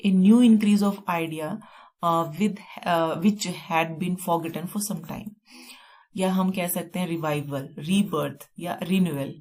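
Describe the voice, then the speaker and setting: A woman with an Indian accent, teaching a vocabulary lesson and going over each word slowly with memory tricks. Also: on the low side, a little mellow. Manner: explains slowly, repeating words with memory tricks.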